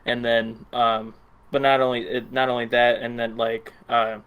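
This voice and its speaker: Flat-toned, hesitant man on a podcast. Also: mid-range voice, normal speed, smooth, narrow, tinny audio. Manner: hesitant, many fillers like um and you know. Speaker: podcast co-host. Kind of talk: casual film review chat.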